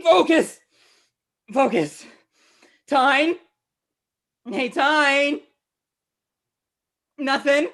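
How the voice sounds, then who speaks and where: A woman's voice: high voice, vocal fry, a bit bright, exaggerated voice. A woman acting an injured adult in a comic stage play, panicky, swearing and sarcastic.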